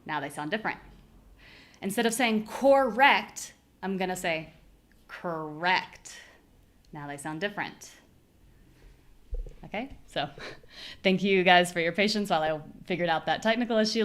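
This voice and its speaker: A woman with an American accent teaching a live online pronunciation class. She explains patiently and clearly, and she exaggerates syllables to show the stress. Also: medium pitch, expressive, moderate pace, long pauses. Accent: General American.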